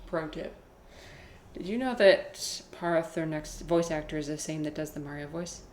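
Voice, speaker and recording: A woman giving casual, rambling commentary as she plays a video game, with vocal fry in her voice. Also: deep voice, normal speed, darkish tone, roomy sound. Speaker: streamer playing a video game.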